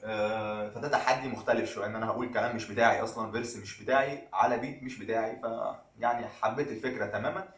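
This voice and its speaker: Fast, slangy Egyptian rapper man. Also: on the low side, fairly even intonation, a bit bright, echoey room, recorded from a distance. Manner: loose, slangy, laid-back talk. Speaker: rapper and vlogger. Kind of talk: casual chat between freestyle rap takes.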